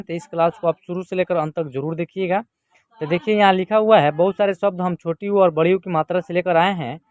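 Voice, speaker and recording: A man's voice: high-pitched, a little mellow, no room sound. A man teaching Hindi reading in an online lesson. He sounds out words syllable by syllable and often checks that students follow. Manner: slow, drawn-out syllable-by-syllable reading; patient explaining with frequent check-ins.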